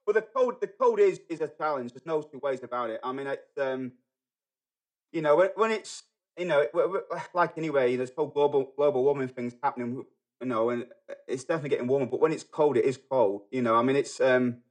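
A middle-aged man from England with a Manchester accent, talking as a podcast guest in a halting way, full of fillers and restarts. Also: medium pitch. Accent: Manchester English. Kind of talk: casual podcast conversation.

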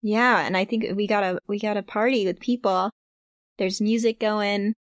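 A woman's voice: mid-range voice, steady tone, normal speed, no echo, studio quality. A woman running a tabletop role-playing game, easygoing and guiding the players. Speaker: game master. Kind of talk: casual role-play table talk.

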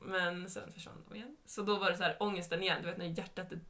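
A woman's voice: on the low side, steady tone, a bit bright. A young woman telling a story in casual podcast chat, with a chatty manner and dialogue retold. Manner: retells events in a chatty way with quoted dialogue. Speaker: podcast co-host.

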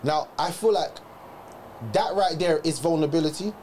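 Young man, slightly high voice, emphatic and lecturing, casual chat, faint background noise. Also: normal speed, a little mellow. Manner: emphatic, lecturing, slang-heavy.

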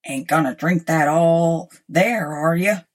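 A woman voicing a gruff male barman who talks in a slow, colloquial drawl. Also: deep voice. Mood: suspicious.

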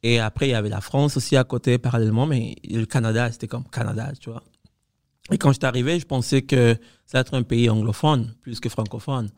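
A man's voice: quick pace, no echo. Cuban-born man telling stories, dry sound. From Cuba. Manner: animated storyteller, acts out quotes with high laughing voice. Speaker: guest. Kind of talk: casual conversation.

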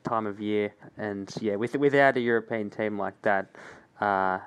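A man on a podcast panel, chatting casually in a hesitant, measured way. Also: lowish voice, clean tone. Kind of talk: casual chat.

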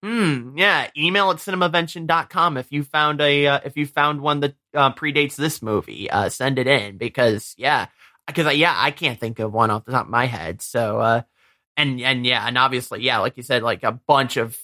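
A man co-hosting a podcast, chatting casually about a movie and often pausing to search for words. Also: mid-range voice, pushed and bright. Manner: hesitant, many fillers and restarts. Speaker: podcast co-host.

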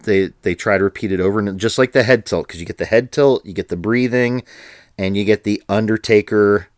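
A man co-hosting a podcast in casual chat, laughing often and filling pauses with ums and restarts. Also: fairly low pitch, no echo, clean studio sound. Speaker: podcast co-host.

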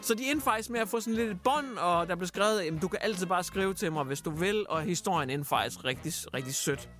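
A man hosting a casual radio show, telling stories in an animated way and acting out quotes with lots of fillers. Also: sits high, soft background music. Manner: animated storyteller, acts out quotes, many fillers. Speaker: radio host. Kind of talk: casual chat, retelling news stories.

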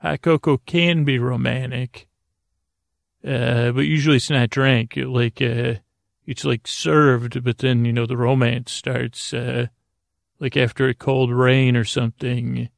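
A man hosts a bedtime podcast with a creaky voice, drifting through a meandering, halting monologue full of whimsical tangents. His voice is mid-range with a level tone, and the recording is dry and of studio quality.

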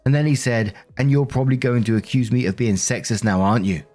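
A man's voice: medium pitch, fast talker, dark tone. A man reading Reddit relationship stories aloud and then reacting bluntly in his own words. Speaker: story narrator.

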